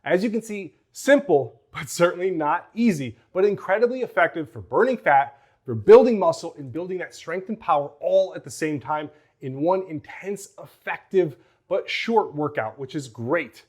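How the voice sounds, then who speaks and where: A man coaching as a fitness trainer, energetic and out of breath after a workout. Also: on the high side, moderate pace, husky. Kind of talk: workout demonstration vlog.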